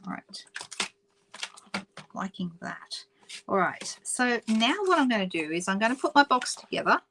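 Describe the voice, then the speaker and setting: A woman's voice: a little high, expressive, normal speed, background noise. A middle-aged Australian woman hosting a live papercraft stream, chatting casually and reading out viewer comments as she works. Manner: chatty, reads out viewer comments, self-correcting. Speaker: craft livestream host. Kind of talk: casual live craft demonstration.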